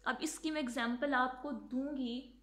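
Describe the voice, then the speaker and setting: A woman's voice: high voice, steady tone, fairly bright tone. A woman giving an instructional talk on Quran recitation, explaining patiently and drawing out words to demonstrate their sounds, with English words mixed into her speech. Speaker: religious teacher.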